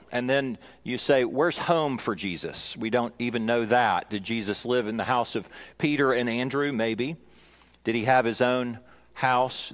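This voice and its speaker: A middle-aged man, a pastor, preaching a sermon in an earnest, measured way, pausing with fillers and restarting phrases. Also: mid-range voice.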